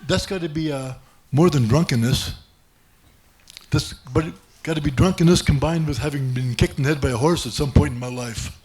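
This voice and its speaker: A man's voice: on the high side, brisk, darkish tone. A man doing stand-up, telling a rambling self-mocking story with many restarts. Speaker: stand-up comedian. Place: comedy club stage.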